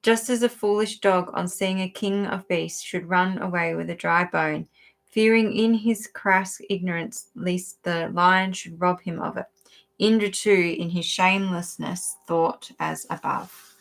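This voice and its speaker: A woman co-hosting a podcast, reading a sacred text aloud in a steady voice and pausing to stumble over unfamiliar words. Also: lowish voice, gravelly. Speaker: podcast co-host.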